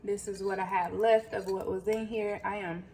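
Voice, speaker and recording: A woman's voice: mid-range voice, level tone, moderate pace, warm tone. Chatty lady vlogging from her kitchen, talks right to the viewers, plain mid voice, faint hum behind. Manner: chatty, talks straight to viewers as "guys" and "y'all". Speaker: cooking vlogger. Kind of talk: casual cooking vlog. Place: home kitchen.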